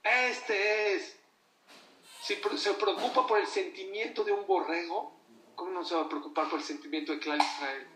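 A man whose voice sits high preaches briskly and emphatically, peppering the audience with rhetorical questions in his role as religious teacher. There's noisy background, and he sounds far away in an echoey room.

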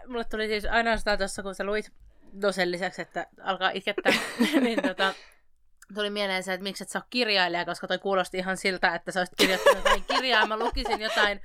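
A woman's voice: mid-range voice, animated, bright, forceful tone, smooth, no room sound, clean studio sound. A young adult woman co-hosting a podcast, talking casually with lots of fillers and laughter. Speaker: podcast co-host. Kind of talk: casual chat.

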